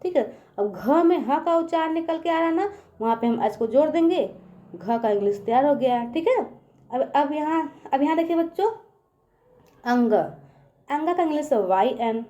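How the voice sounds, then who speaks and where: A woman's voice: high voice, lively intonation, moderate pace, dark tone, dull audio. A woman teaching young children in a patient online lesson, asking them questions and repeating herself often.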